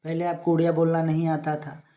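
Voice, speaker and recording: In a monotone, dark, medium-pitched voice, a teacher preps students for an exam by reading English definitions slowly and unpacking them in Hindi through everyday examples. The talk rambles and often restarts.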